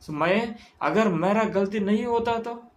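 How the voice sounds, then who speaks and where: A man's voice: high voice, a little slow, pitched above the performer's own voice. A man voicing an earnest teenage son who pleads politely but is upset. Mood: earnest pleading. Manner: pleading, defends his father.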